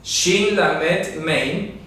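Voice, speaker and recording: A man's voice: a little high, very slow, a bit bright. A man teaching a Bible lesson at a board. He explains things carefully and keeps asking his listeners whether they follow. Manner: explanatory, asks listeners rhetorical check-in questions. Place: room with a writing board. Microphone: camera mic from a distance. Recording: very echoey room, mic far off, faint noise.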